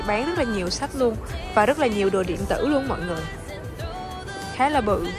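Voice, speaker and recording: Holding her camera at arm's length, a young vlogger with a Southern Vietnamese accent chats enthusiastically to her viewers while wandering an outdoor mall and its shops. Her voice is a little high, and music plays beneath it in this casual travel video.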